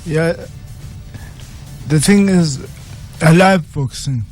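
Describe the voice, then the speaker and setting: Slow, halting man. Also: on the high side, a little mellow, faint music behind. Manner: halting, slow, repeats phrases. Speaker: boxing coach. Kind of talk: radio interview guest. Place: radio studio.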